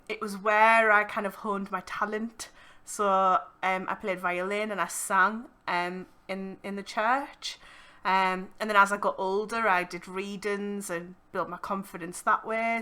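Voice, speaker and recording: A woman with a bright, forward voice hosts a casual podcast. She talks conversationally in a giggly manner, at a middle pitch. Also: clear, resonant tone. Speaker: podcast host.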